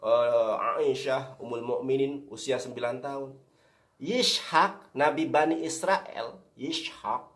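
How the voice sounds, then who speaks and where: A man giving a religious lecture as a preacher, earnest and direct, addressing his listeners as brothers and often correcting himself mid-sentence. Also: medium pitch.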